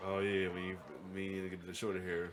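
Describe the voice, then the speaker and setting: A man's voice: deep voice, completely flat delivery, a little fast, noisy background. A man giving casual, off-the-cuff reactions to a video, with brief agreements and repeated phrases.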